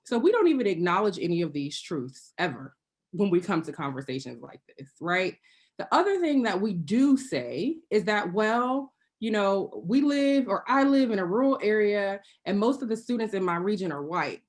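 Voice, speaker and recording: A woman giving prepared remarks as a panelist over a video call. She speaks earnestly and pointedly, with wry asides, and now and then clears her throat. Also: medium pitch, very animated, moderate pace. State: occasionally choking and clearing throat.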